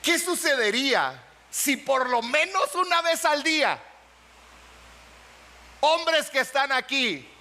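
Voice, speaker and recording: Male pastor, very high voice, lively preaching in a church hall. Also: slow, pauses often, slight background noise. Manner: animated preaching, asks the congregation questions, acts out little dialogues. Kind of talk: sermon.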